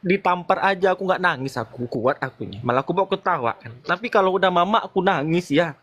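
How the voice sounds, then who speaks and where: A young man speaking as a guest on a livestream, tearful, in a soft and halting way. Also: high-pitched, expressive, muffled recording. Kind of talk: livestream talk.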